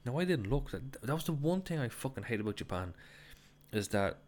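A man's voice: mid-range voice, very animated, a little fast, a little mellow. An Irish man telling a travel story to camera in a casual, chatty way, swearing freely and laughing at his own mishaps. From Ireland. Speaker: travel vlogger.

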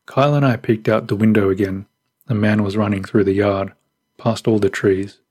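Give me a low-voiced man narrating creepy stories in a suspenseful way. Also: steady tone, darkish tone, breathy edge. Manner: measured, suspenseful. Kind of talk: scripted horror story narration.

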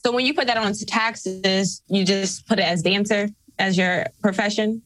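A woman's voice: medium pitch, steady tone, moderate pace, a bit bright, dry recording, poor audio. Hesitant woman interviewer, dry sound. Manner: hesitant, rephrases questions. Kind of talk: casual interview questions.

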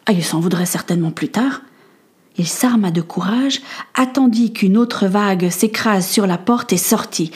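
A woman narrating a storybook adventure in a clear, expressive reading. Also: medium pitch.

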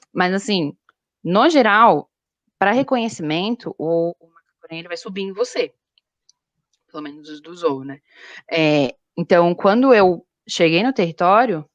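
A young woman, a zookeeper, chatting casually and telling stories in an animated way. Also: fairly low pitch, no echo. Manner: animated storytelling. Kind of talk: casual chat.

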